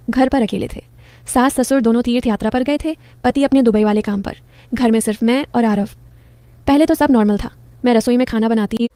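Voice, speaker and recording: A woman narrating a first-person romantic story in a soft, intimate, teasing manner. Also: on the high side, dry recording.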